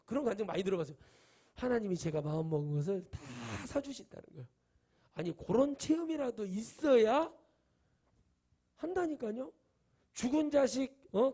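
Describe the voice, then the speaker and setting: Male pastor, middle-aged, high-pitched. Sermon delivery with dramatic swings between soft asides and loud outbursts, plus acted-out quotes. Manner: acts out quoted voices in his preaching.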